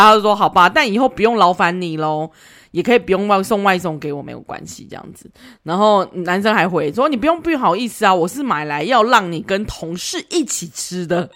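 Woman podcast host, chatty storyteller, very expressive pitch. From Taiwan. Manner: animated, laughs often while retelling. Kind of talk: casual storytelling.

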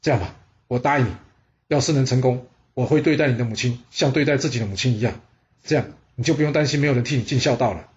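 A man voicing an ambitious prince who speaks in a measured, persuasive way. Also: medium pitch, a little mellow, highs cut off, close to an everyday voice. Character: ambitious male prince, calm and scheming.

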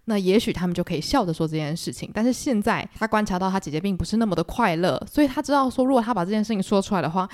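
A young woman with a Taiwanese Mandarin accent, hosting a chatty solo book-club podcast. She talks very fast and animatedly, in a middle-range voice. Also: mid-range voice. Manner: chatty, animated, acts out the quotes. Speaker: podcast host. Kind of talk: casual book-club retelling.

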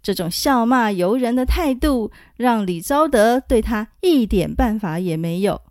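A woman narrating a classical tale in a gentle, scripted podcast style. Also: a little high, animated, no echo, studio quality. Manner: slow, gentle storytelling. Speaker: podcast storyteller.

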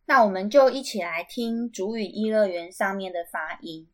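A woman hosting a casual language lesson podcast, patiently repeating each sound slowly and clearly. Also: medium pitch, fairly bright tone. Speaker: podcast host.

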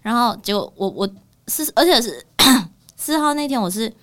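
A woman, hoarse from a cold, telling a rambling story as co-host of a casual chat show in a small studio. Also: fairly high pitch, lively intonation, normal speed. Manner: rambling storytelling with many fillers. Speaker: podcast co-host.

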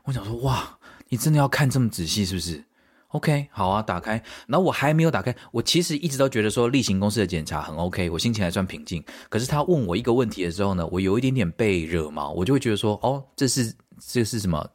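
A deep-voiced man tells stories on his solo podcast at a brisk clip. He vents with animated energy, slipping in bits of English and German. He mimics the people in his anecdotes as he goes. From Taiwan. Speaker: podcast host. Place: living in a small German university town.

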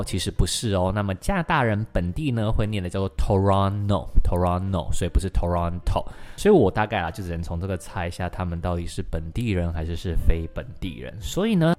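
A young man teaches an English-learning podcast lesson. He talks in a chatty, lively way, full of sentence-final particles, and says English words slowly and repeats them. Faint music plays under his voice. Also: deep voice. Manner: models English pronunciation slowly and in repetition.

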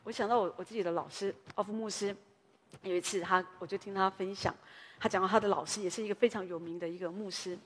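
A woman's voice: mid-range voice, steady tone, quick pace, long reverb tail, slight background noise. A woman pastor, preaching a sermon in a conversational storytelling way, often tagging her sentences with small particles.

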